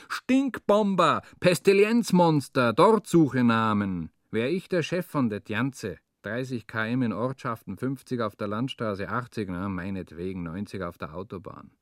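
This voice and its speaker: A man's voice: fairly low pitch, no echo, clean studio sound. A man delivering a dramatic literary monologue, ranting sardonically and puffing for breath between phrases. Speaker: narrator.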